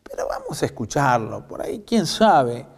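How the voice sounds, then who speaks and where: A man with an Argentine accent voicing a shrewd friend of a king who gently coaxes him. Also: medium pitch, animated, moderate pace, long reverb tail, lightly acted. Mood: coaxing. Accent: Argentine Spanish. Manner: coaxing, conversational.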